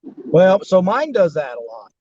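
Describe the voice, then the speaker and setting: A man's voice: high-pitched, sing-song, a little slow, dark tone. A man joining a livestream over a call, easygoing, answering with short agreeing remarks. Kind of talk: casual chat over a call. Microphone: computer mic on a stream call. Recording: muffled, faintly noisy call audio.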